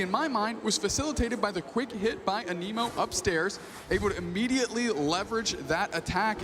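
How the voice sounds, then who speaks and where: A man's voice: sits high, noisy background. A man working as an esports caster, calling play-by-play with colourful, playful turns of phrase. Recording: loud music under the voice.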